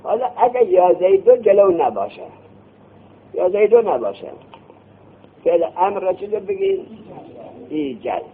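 Animated teacher on a tinny recording. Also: male voice, sits high, breathy edge. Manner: quizzing students with quick questions and answering them himself; scolding the class to put things away and listen. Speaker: seminary teacher. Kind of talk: classroom grammar lesson.

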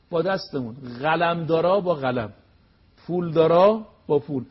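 Husky emphatic male preacher. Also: a little high, dull audio. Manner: emphatic, rhetorical questions. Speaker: cleric guest on religious TV program. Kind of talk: preaching religious talk.

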